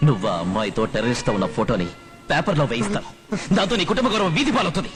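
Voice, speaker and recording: A man's voice: on the high side, wildly swooping pitch, very fast, music in the background. An actor dubbing a menacing male police interrogator in a film, firing threats and questions. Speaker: interrogating officer.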